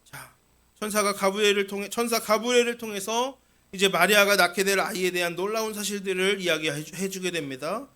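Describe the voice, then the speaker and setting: A senior pastor preaches on Sunday in a church sanctuary, his high voice brisk, bright, and forward, with a steady tone. He speaks earnestly and directly to those listening and often turns to rhetorical questions.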